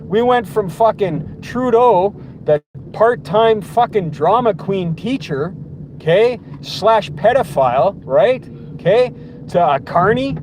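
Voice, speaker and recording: A man's voice: sits high, lively intonation, slow pace, darkish tone, low-quality recording. A man ranting sarcastically and swearing constantly, recorded outdoors with traffic behind. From Canada. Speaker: vlogger. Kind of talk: profane political rant.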